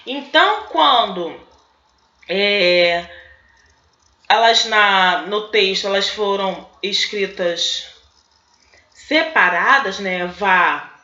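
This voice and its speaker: Slow, bright-voiced woman teacher. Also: medium pitch, expressive. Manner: slow and deliberate, breaking words into syllables. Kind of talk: recorded lesson working through textbook exercises. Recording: dull, echoey room recording.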